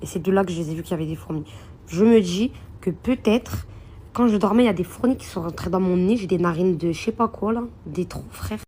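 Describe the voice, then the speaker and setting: Brisk and mellow, a young woman's low voice carries her rambling phone vlog from a hotel room, with slight background noise behind her. She chats casually with her followers and calls them princesses and girls.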